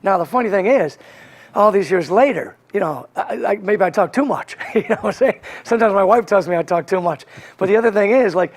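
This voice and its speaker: A man from Connecticut with a slight Boston accent tells his life story as a guest in a casual conversational interview. His voice is high-pitched, expressive, and brisk, and he rambles earnestly with many restarts.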